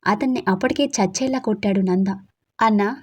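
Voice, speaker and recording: A woman's voice: mid-range voice, steady tone, normal speed, darkish tone, breathy edge. Brief: female storyteller, first-person audio drama narration, emotional and confiding.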